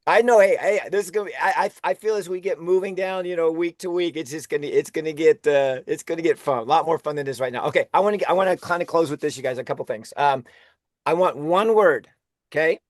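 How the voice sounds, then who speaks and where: A man's voice: fairly high pitch, fast, dry recording, studio quality. A man hosting a motivational team call, enthusiastic and often laughing, restarting his words as he goes. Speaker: host of a weekly team call.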